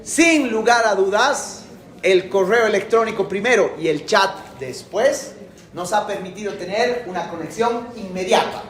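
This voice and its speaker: A man's voice: sits high, a little slow, fairly bright tone, reverberant. A middle-aged man giving a classroom lecture in a colloquial, emphatic way, repeating his key phrases. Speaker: university lecturer.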